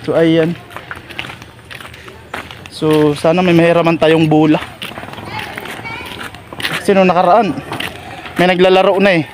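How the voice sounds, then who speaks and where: High-voiced man coaxing gently on a walk. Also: little pitch movement, unhurried, long pauses, a little hiss or hum. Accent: Agusan del Sur Filipino. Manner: coaxing, repetitive, gently encouraging a companion. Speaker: vlogger host. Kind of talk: casual walking vlog. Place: outdoors on a street and court.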